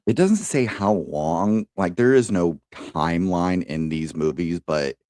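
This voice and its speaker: Man co-host, very low voice, unhurried, dry close mic, swears and gushes. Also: expressive, a little mellow, no room sound. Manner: enthusiastic, swears freely, laughs often. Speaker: podcast co-host. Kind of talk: casual chat.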